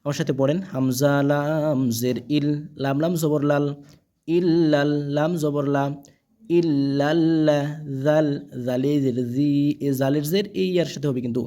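A man teaches Quran reading, spelling out each letter and its vowel marks one by one. His voice sits a little high yet sounds soft and warm. He draws the recited words out slowly and keeps checking that his learners follow. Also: steady tone. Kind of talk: spelling-out Quran lesson, call and repeat.

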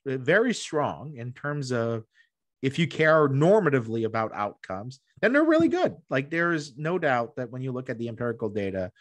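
Speaking at normal speed with a medium pitch and big swings in intonation, this man in his 30s makes his case conversationally as a podcast guest. He is an economic historian on a video call from a small home room, captured dry by a close desktop mic, and he presses his points hard, frequently repeating words.

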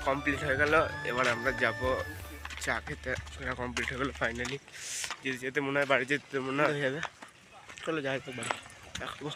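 Young male vlogger, chatty and quick, outdoor phone audio with music bed. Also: mid-range voice, flat delivery. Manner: chatty, keeps addressing viewers as friends. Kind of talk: casual travel vlog narration. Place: outdoors on village roads. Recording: background music under voice.

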